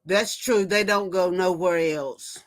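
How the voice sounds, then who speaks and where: Fairly low in pitch and taking her time, a woman in her fifties hosts a casual stream. She gossips and reads her viewers' comments out loud, then offers her reactions.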